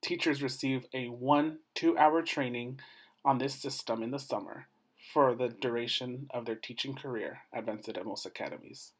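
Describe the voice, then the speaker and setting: A man delivering a formal, scripted academic presentation as a doctoral student, in measured short phrases that step through each point in order. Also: mid-range voice, low-quality recording.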